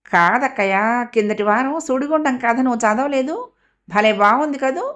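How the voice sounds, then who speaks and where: A woman voicing an excitable young woman, a younger sister who talks eagerly and fretfully in an audio story. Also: sits high, moderate pace, voice pushed up.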